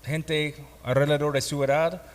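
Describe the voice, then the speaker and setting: Speaking slowly in an echoey hall with long reverb, this male pastor lectures students on the Bible course he teaches. His Spanish carries a foreign accent, and his fairly high voice stays flat as he halts and makes learner's grammar mistakes.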